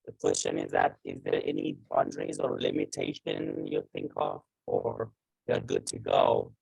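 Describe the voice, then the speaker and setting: Guy on a crackly staticky call line, super raspy gravelly voice, halting and full of fillers. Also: very deep voice, huge pitch swings, darkish tone, no room sound. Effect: crackly, staticky call audio. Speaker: audience member asking a question. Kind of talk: video call question. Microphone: video call device.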